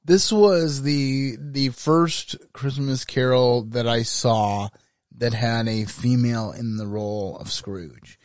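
A man hosting an informal film review, talking in a measured, deliberate manner. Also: mid-range voice, no echo, clean studio sound. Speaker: host. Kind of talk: informal scripted-feeling review commentary.

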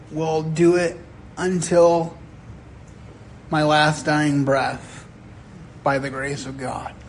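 A man in his sixties preaching a sermon in a chapel, telling stories earnestly with deliberate pauses. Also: on the high side, a little hiss or hum. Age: 60s. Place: chapel sanctuary.

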